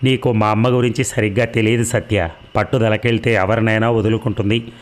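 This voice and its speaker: Young man in a storybook, firm but regretful, as the narrator reads him, low voice. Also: flat delivery, brisk, lightly acted. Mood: troubled. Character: young man torn, devoted to his mother.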